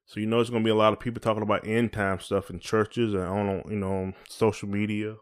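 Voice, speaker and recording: An American man hosts a podcast, chatting in a casual, colloquial way and often checking in with "you know." His voice is lowish, flat in delivery and fast.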